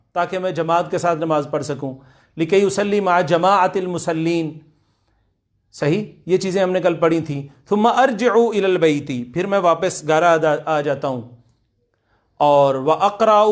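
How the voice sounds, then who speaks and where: Guy teaching arabic, high voice, says each word slow and again and again. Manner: slow, repeats Arabic words many times for drilling; explains in Urdu, asks students to repeat aloud. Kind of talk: online class lecture.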